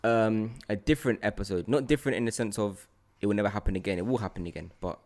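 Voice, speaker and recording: A man with a London accent and a fairly low voice hosts a relaxed, conversational podcast of casual chat. He talks quickly in informal slang, often repeating phrases to make his point.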